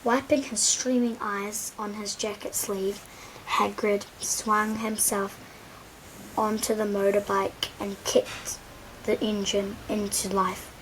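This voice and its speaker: A woman reading a children's storybook aloud in a gentle, unhurried way, dropping to a whisper at times. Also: medium pitch, level tone, a little hiss or hum, poor audio. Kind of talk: children's audiobook read-aloud.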